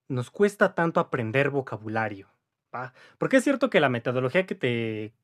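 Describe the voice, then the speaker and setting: Here a young Mexican-accented man in his twenties teaches English on camera, his voice sitting in the mid range. Upbeat and talkative, he peppers the lesson with "¿vale?" and "¿va?" to keep viewers with him. The backdrop is an indoor patterned wall.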